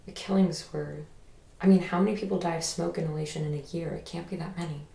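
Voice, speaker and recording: A woman's voice: sits low, steady tone, fast talker, vocal fry. An actress playing a young woman haunted by a friend's death, who speaks hesitantly and reflectively in an audio drama. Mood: earnest. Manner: hesitant, soft-spoken, reflective. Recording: roomy echo.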